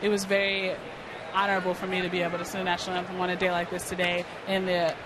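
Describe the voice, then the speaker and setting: An American woman in her early twenties from New York is interviewed as an athlete, answering earnestly and conversationally. Her voice is on the low side, delivered fast and completely flat. Clear outdoor stadium noise and ballpark ambience sit behind her.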